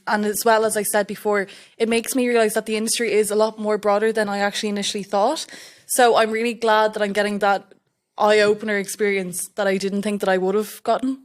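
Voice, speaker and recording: Chatty young woman from Estonia. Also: medium pitch. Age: young adult. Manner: chatty, acts out quoted remarks. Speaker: guest, electrical apprentice. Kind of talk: casual interview chat.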